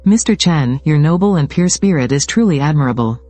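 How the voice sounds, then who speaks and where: A man's voice: on the high side, lively intonation, brisk, darkish tone, soft background music, close to an everyday voice. A man voicing a grateful, respected elderly male patriarch with a formal, effusive way of speaking.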